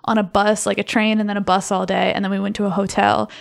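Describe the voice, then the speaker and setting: A woman's voice: mid-range voice, fast, gravelly. A young woman telling travel food stories in casual chat, full of "like" fillers. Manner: relaxed, filler-heavy storytelling with many likes.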